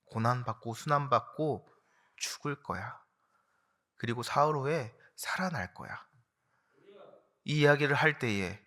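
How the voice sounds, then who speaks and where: A man preaching an early-morning sermon as a pastor, earnest and reflective, sinking low and quiet when he quotes scripture. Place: church.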